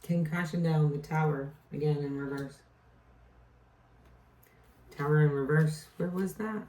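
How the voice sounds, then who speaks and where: A woman with a low, mellow voice gives a casual tarot reading. She rambles, trails off and restarts mid-thought. She sounds set back from the mic in a roomy, echoey space. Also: a little slow. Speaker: tarot reader. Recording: echoey room, distant mic.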